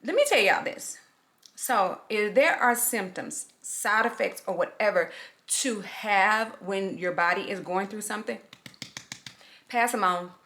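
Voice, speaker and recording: Casting: middle-aged woman, casual beauty vlogger, forceful bright voice, talks around a swollen lip, rambling and chatty. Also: medium pitch, measured pace. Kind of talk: casual chatty get-ready-with-me vlog.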